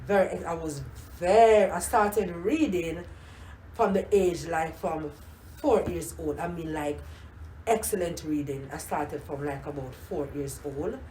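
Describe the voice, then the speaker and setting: In a low-quality, roomy recording with a little hiss or hum, a deep-voiced older woman from Jamaica speaks unhurriedly in her Jamaican accent. It's a casual oral history interview where she warmly looks back, often repeating herself and scattering "you know" throughout.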